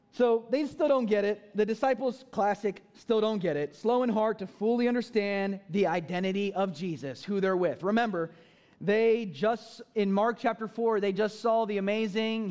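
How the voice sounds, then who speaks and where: High-voiced man preaching a sermon. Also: measured pace, darkish tone. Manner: explains terms plainly, acts out quoted voices, builds in intensity. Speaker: pastor. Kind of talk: sermon teaching.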